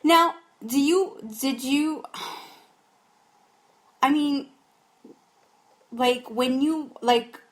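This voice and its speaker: A woman's voice: high-pitched, extremely slow, pauses often, a bit bright. Rambling young woman hosting a podcast. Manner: rambling, scatterbrained questions. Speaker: podcast host. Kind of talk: casual podcast interview.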